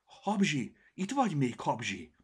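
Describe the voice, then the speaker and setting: A man's voice: mid-range voice, wildly swooping pitch, fairly bright tone, breathy edge, pitched above the performer's own voice, full character voice. A man voicing a proud, possessive house cat that talks in a bossy, huffy way. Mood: eager, calling.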